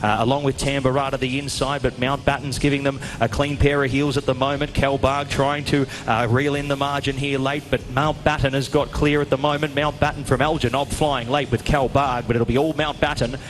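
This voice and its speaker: A man's voice: medium pitch, flat delivery, brisk, hardly any pauses, a little hiss or hum. A man calling a horse race live as a race caller, in short running phrases. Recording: music playing behind the voice. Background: music.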